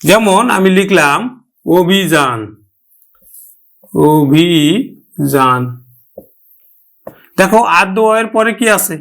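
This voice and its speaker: Man, high voice, Bangladeshi Bengali accent, grammar teacher, step-by-step explaining, slow repeated example words. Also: a bit bright. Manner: addresses students directly, explaining step by step. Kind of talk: online grammar lesson.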